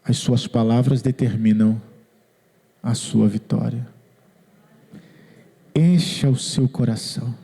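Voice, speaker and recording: A man's voice: medium pitch, fairly even intonation, takes it slowly, gravelly, pauses often, dark tone. A man, preaching a sermon as pastor, earnest and repeating his phrases, quoting people in their own words. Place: church hall. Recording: long hall reverb.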